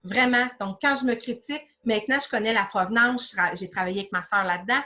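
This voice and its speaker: A woman's voice: medium pitch, quick pace, bright, forceful tone. A woman with a Québécois French accent runs a motivational live session for an online audience. She speaks in a familiar, chatty manner, peppering listeners with direct rhetorical questions and coaxing them along. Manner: familiar, chatty address with many fillers like "là". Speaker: business coach.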